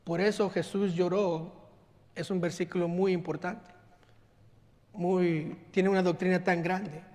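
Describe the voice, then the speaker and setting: A man preaching in a church, his voice sitting fairly high for a man. The sound rings out with a long hall reverb. He is earnest and sometimes drops soft and low to stress a point. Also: level tone, measured pace. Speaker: pastor. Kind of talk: sermon. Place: church sanctuary.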